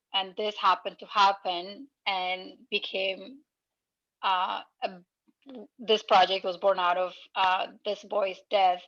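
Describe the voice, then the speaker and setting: An earnest woman from Ethiopia speaks at an online club meeting, pausing as she searches for words. Her delivery stays flat and even. The audio sounds slightly dull and lo-fi. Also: medium pitch. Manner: earnest, unpolished phrasing with pauses. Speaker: Rotary club member, project leader.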